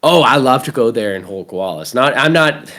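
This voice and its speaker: A man's voice: mid-range voice, normal speed. A man in his thirties with a Canadian accent, hosting a podcast and telling rambling, profane stories in casual chat. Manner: rambling, swears freely, lively storytelling. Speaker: podcast host.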